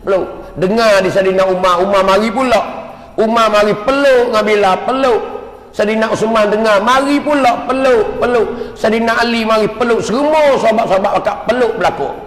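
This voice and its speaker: A high-voiced man teaches in a mosque, piling up repeated words as he retells a story with emotion. His voice rings with long, roomy echo in a big hall. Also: a little fast. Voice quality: repetitive, emotive. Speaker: religious teacher.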